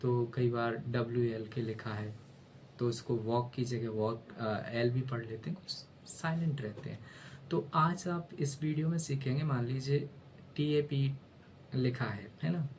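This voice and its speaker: A man's voice: medium pitch, steady tone, unhurried, a little mellow, slight background noise. A male teacher gives a casual spoken lesson, spelling letters aloud and often asking "है ना?".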